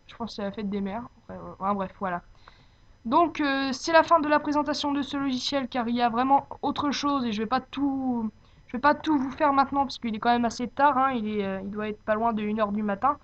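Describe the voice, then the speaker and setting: A woman giving an informal, unscripted software tutorial, speaking hesitantly as she searches for her words. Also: a little high. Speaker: tutorial presenter. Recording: dull lo-fi home microphone.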